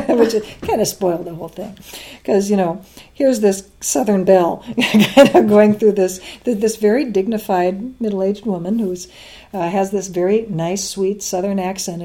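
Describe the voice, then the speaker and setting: This is a mellow woman's voice sitting on the low side. She's middle-aged, a science education advocate chatting as an interview guest, frequently laughing and peppering her speech with restarts and fillers.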